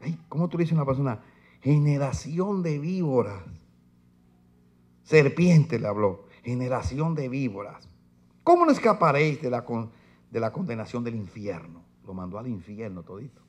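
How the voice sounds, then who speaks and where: A man's voice: mid-range voice, animated, moderate pace. A man preaching a sermon in church, reading scripture aloud with force and putting rhetorical questions to his listeners. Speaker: pastor. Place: church sanctuary.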